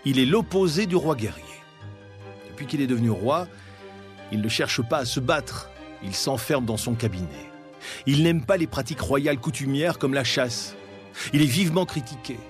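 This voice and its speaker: A man's voice: medium pitch, animated, normal speed. Man narrating a history documentary. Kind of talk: scripted narration. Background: faint background music.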